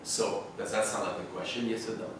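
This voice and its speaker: A man leading an adult workshop, pressing the group with quick, repeated questions. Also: on the low side, level tone. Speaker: workshop leader. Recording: echoey room, distant mic, noisy.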